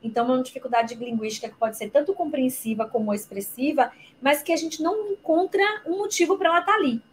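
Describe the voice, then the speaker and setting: A woman speaks as a guest in a live interview, her voice sitting a little high. She teaches in a didactic way, asking herself questions and answering them. Faint noise sits under her voice. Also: fast talker, poor audio. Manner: didactic, explains with examples and rhetorical questions. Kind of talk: explanatory talk in a live interview.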